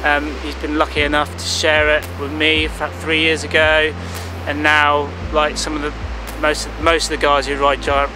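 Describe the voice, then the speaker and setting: A man's voice: on the high side, monotone, normal speed, hardly any pauses, noisy background. A man in his thirties, a surfer and vlogger, talking casually to camera outdoors on a seaside cliff, rambling with ums and likes. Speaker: big-wave surfer and vlogger. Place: outdoors on a clifftop by the sea at dusk. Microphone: camera close-up.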